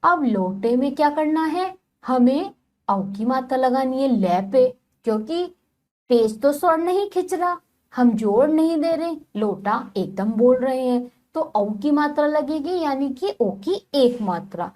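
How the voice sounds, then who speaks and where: A woman giving a slow, patient phonics lesson to young children, spelling words out syllable by syllable. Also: sits high, animated, dark tone. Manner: repeatedly addresses the children. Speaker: teacher.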